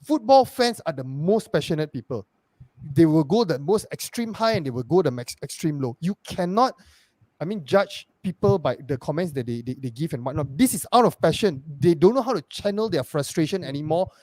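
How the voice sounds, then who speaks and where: A man's voice: fairly high pitch, animated, fairly quick, a little mellow, no echo. A man making an earnest, insistent point on a football fan panel. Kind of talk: casual debate.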